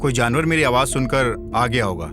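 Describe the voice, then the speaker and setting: A man's voice: mid-range voice, expressive, a little fast, a bit bright, faint music behind, natural voice. A man voicing a dopey, sleepy young man in a cartoon, drawling his words. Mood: drowsy. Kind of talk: cartoon voice acting.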